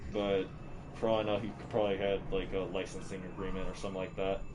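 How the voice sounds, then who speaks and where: A man with a fairly low voice chats casually as he streams a game. There is faint noise behind him. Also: flat delivery, quick pace. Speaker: livestreamer. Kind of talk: casual gaming livestream chat.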